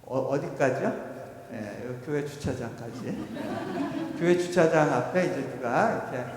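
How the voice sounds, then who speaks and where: A man, a missionary, preaching a revival sermon and telling stories with acted quotes, swinging between loud and soft. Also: medium pitch, animated, a little slow. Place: church sanctuary. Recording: echoey church hall, faint noise.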